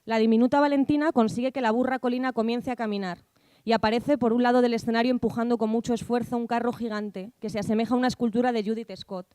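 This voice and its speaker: A woman reading a theatre script with lively, bossy, gossipy family chatter. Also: a little high, quick pace, smooth, dry recording, lightly acted. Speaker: actor reading stage directions and roles.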